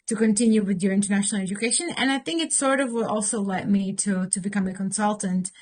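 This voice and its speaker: A woman's voice: medium pitch, quick pace, a little mellow. A woman in her thirties from Slovakia, answering interview questions thoughtfully with frequent fillers and restarts. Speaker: interview guest, consultant.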